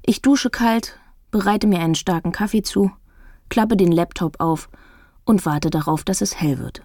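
A woman's voice: medium pitch, a little slow, darkish tone, no room sound. Dry-voiced woman reading a wry novel. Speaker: audiobook narrator. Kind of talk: first-person novel reading.

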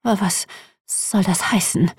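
A woman reading aloud, voicing an older female shop owner who speaks slowly and partly in a whisper. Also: medium pitch, expressive, husky, dry recording, studio quality. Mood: anxious. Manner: slow and hushed, partly whispered. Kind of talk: storybook reading.

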